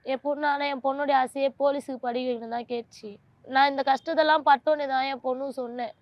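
A woman's voice: sits high, fairly even intonation, quick pace, dry recording, muffled recording. A woman, a mother of two, speaks in an emotional interview in a pleading, aggrieved and insistent way.

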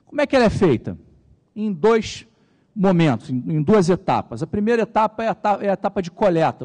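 A middle-aged Carioca man from Rio de Janeiro, Brazil, speaks with a fairly high pitch while giving a technical talk on a large conference hall stage. He stays relaxed and jokey, posing questions and answering them himself. The big hall makes the recording reverberant.

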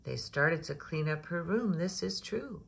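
Reading a rhyming picture book to young kids, this woman speaks a little slowly in a lowish, lively voice with vocal fry. She keeps a rhythmic cadence and pauses for chatty questions to engage her listeners.

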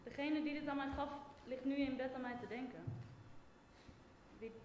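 A woman's voice: high-pitched, moderate pace, darkish tone, slight background noise, lightly acted. A teenage girl in a school play voicing a torn young Trojan woman who pleads and wavers. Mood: wavering. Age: late teens. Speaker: student actor. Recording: very echoey hall from far off.

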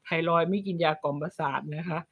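A woman's voice: lowish voice, fast, husky, narrow, tinny audio. A woman hosting a livestream, chatting casually and telling stories in a rambling way. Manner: rambling, chatty storytelling, reads viewer comments aloud. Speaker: livestream host.

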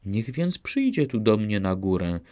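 A vain widowed vixen from a storybook, picky about every suitor and demanding in her questions. A man puts her on with a fairly even, steady voice. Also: lowish voice, measured pace. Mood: haughty.

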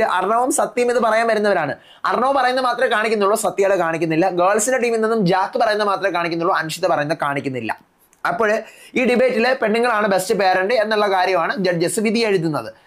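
A man reviewing a reality show episode in a casual recap, retelling each contestant's lines in quick succession. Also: high-pitched, fairly bright tone.

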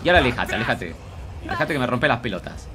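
Lively Argentine man doing game commentary. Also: medium pitch, very fast, noisy background. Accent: Rioplatense Argentine Spanish. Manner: talks to self and viewers, repeats phrases, refers to self in feminine forms. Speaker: gaming streamer. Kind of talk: let's play commentary.

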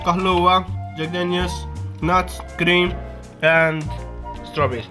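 High-voiced man co-hosting a cooking show. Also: little pitch movement, takes it slowly, pushed and bright. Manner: enthusiastic, calls out ingredients. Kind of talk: jokey cooking show banter. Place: small home kitchen. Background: music.

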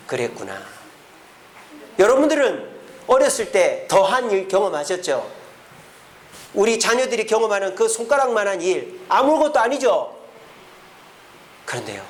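A man's voice: high voice, a little hiss or hum. A middle-aged man preaching a sermon as pastor in a church, acting out the parents and children he quotes.

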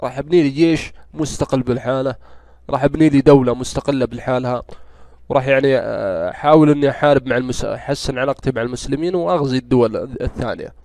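A man's voice: mid-range voice, rapid-fire, darkish tone, no room sound. A man with a Saudi accent and a stuffy nose from a cold, rambling and grumbling through casual gameplay commentary as a gaming YouTuber. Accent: Saudi Gulf Arabic. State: congested, stuffy-nosed from a cold.

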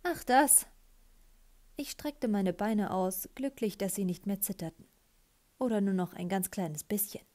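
A woman narrating a novel in the first person with lively storytelling. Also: mid-range voice, normal speed. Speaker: audiobook reader.

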